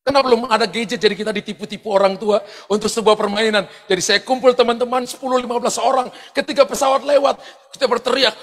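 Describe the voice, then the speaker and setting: A pastor telling personal stories in a sermon, animated, often shouting out quoted lines and laughing as he goes. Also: high-pitched. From eastern Indonesia. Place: large church hall. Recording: long hall reverb from church sound system.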